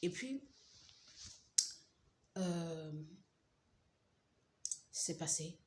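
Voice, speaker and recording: A woman giving a dramatic religious testimony, repeating phrases and dropping to a hush at times. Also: on the low side, animated, extremely slow, a little hiss or hum. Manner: dramatic, repeats phrases, drops to hushed tones. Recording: roomy echo with faint ambience.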